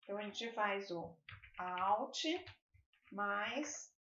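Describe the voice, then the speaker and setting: A woman's voice: mid-range voice, steady tone, drawn-out words, sharp tone. A woman who is a native Spanish speaker, teaching an online lesson in a patient, explanatory way and often checking in with her students. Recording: echoey room, slightly dull sound.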